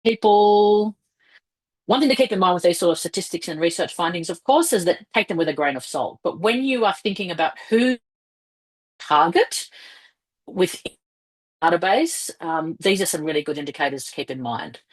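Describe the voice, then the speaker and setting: Low-voiced woman on a choppy, breaking-up video call. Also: animated, moderate pace. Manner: explanatory, with frequent fillers. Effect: choppy, breaking-up internet call audio. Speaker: fundraising presenter. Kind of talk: online webinar presentation. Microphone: headset on a video call.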